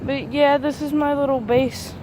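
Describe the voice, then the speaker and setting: In a casual woodland vlog shot from up in a tree, a man uses a gender swap filter to sound like a woman. The pitch is extremely high, the intonation fairly even, and the speed normal, while he rambles hesitantly with many fillers over a noisy background.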